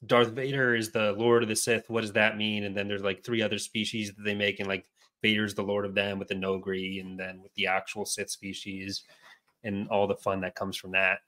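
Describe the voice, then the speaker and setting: A man co-hosting a podcast in casual chat over a remote call, talking quickly and eagerly with many fillers. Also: lowish voice, little pitch movement, bright, forceful tone. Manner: quick, enthusiastic, filler-heavy. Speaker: podcast co-host.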